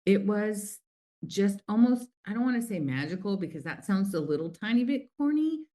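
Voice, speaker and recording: In a relaxed interview, this guest, a middle-aged U.S. founder of a lip color brand, spins warm, chatty stories full of fillers. She speaks at a moderate pace in a medium-pitched, sing-song voice.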